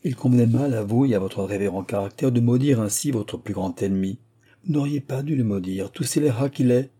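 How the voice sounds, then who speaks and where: A man's voice: medium pitch, brisk, mellow, breathy edge, close to an everyday voice. A man voicing an earnest young son who reproaches his father. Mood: reproachful.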